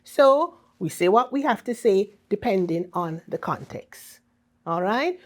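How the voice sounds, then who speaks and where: A woman from Saint Vincent and the Grenadines with a Vincentian accent, explaining things in an interview in an emphatic, teacherly way with frequent checking tags. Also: lowish voice. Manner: teacherly, emphatic, often checks with "okay?" and "right?". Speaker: ambassador being interviewed.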